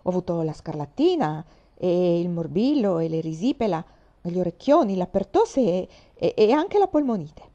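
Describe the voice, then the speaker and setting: A woman's voice: on the low side, sing-song, normal speed, dark tone. A woman voicing a tough, boastful orphan girl of about twelve who talks in a brash, defiant way. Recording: slightly dull lo-fi recording.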